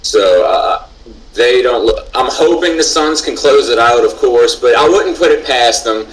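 A man's voice: mid-range voice, expressive, unhurried, a little hiss or hum. A man on a podcast panel, chatting casually about sports. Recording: distant from the mic.

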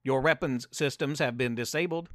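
A man's voice: mid-range voice, normal speed, fairly bright tone, dry recording, studio quality, natural voice. A man doing a stern computer voice. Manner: commanding, formal. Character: stern computerized arrest voice, machine.

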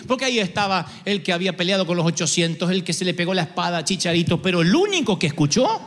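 A man preaching a sermon as pastor, an expressive storyteller who acts out the dialogue. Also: high-pitched. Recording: long hall reverb.

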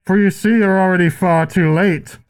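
A man's voice: high voice, steady tone, normal speed, clear, resonant tone, voice pushed down. A man voicing a pompous, theatrical armored knight in a hobby script recording, muffled as if inside a helmet or submarine. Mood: mock-grave. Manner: theatrical, mock-grave delivery of scripted lines. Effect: muffled, as if talking inside a helmet.

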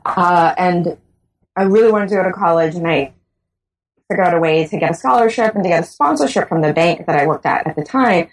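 A woman's voice: on the low side, brisk, poor audio. A woman from the Bahamas, a guest scholar answering interview questions thoughtfully and often restarting her sentences. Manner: thoughtful, restarts sentences while searching for words.

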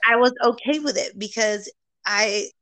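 A woman's voice: a little high, unhurried, sharp tone, no echo. A woman from California talking as a guest, earnest and upbeat, mixing English and Spanish and laughing often. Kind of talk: casual bilingual interview chat.

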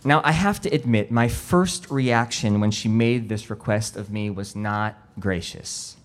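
A man in his thirties giving a sermon as a rabbi, telling a personal story in a slow, reflective way that drops quiet at emotional moments. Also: fairly low pitch.

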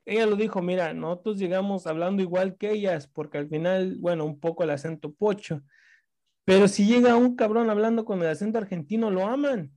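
A fairly high-voiced man, chatting about football on a talk show. He is animated, swears casually and often breaks off to restart a sentence. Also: a little fast. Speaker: sports talk show host. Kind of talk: casual sports chat.

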